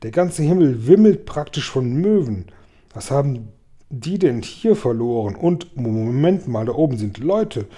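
A man putting on a ship captain, blustering, befuddled, dark husky tone, exclaiming. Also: mid-range voice, unhurried. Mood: excited. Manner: excited, exclaiming, stumbling over his words. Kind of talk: storybook read-aloud acting.

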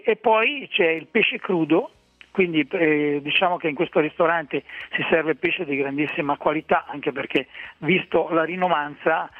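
A man's voice: fairly high pitch, no room sound. A man, calling in to a radio show and chattily explaining local dishes and restaurants, often restarting his phrases. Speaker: food guest on a radio show. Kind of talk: phone-in radio chat giving restaurant tips. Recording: tinny phone line.

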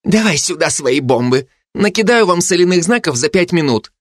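A man's voice: medium pitch, big pitch swings, moderate pace, no room sound, studio quality. A man reading an audiobook, voicing a stubborn young girl engineer who talks boastfully. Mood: defiant.

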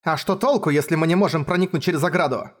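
A man's voice: a little high, fast talker, lightly acted. A man voicing a firm, practical woman mayor who asks stern, clipped questions.

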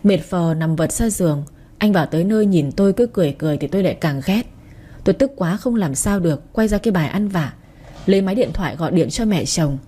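A woman telling a first-person story in a chatty, wry way. Her tone is mellow and dark, slightly breathy. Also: lowish voice, expressive, fast. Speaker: narrator. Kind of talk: first-person audiobook narration.

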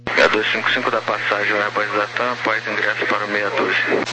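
A man's voice: on the low side, little pitch movement, fast talker. A man with a Brazilian accent working as an air traffic controller, giving instructions over air traffic control radio.

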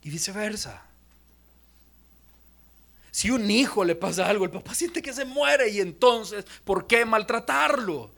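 Young male pastor, high-pitched, lively sermon delivery with acted-out asides and hushed prayer moments. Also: unhurried, gravelly, long pauses. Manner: animated preaching, acts out quoted voices, drops to near-whispers in prayer.

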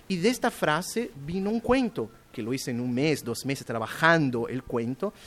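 Animated, halting male storyteller. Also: fairly high pitch. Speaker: guest children's book author. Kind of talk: radio interview storytelling. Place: radio studio.

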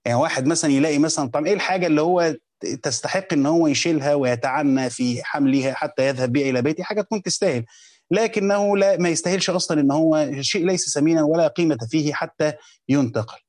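Fast-talking Egyptian man teaching classical text. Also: a little high, a little mellow, no room sound, studio quality. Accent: Egyptian Arabic. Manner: explains classical text in colloquial dialect, repeats phrases. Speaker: teacher of hadith commentary. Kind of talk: Islamic lesson commentary.

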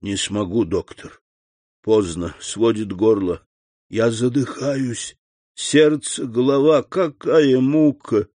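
A man's voice: medium pitch, steady tone, takes it slowly, dark tone, dry recording. Dying old manservant, choking and pleading, read by a man, dry close audiobook sound. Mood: anguished. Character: dying old male servant in agony, gasping.

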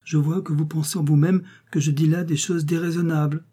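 A man reading aloud, voicing a young mother who talks in a soft, hesitant way. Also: fairly high pitch, flat delivery, a little fast, slightly rough, pitched above the performer's own voice. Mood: perplexed. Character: young mother, gentle and bewildered.

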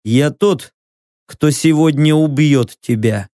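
A woman's voice: low voice, takes it slowly, dark tone, no echo, clean studio sound. A woman voicing a desperate, furious imprisoned creature woman who screams curses and begs to be killed.

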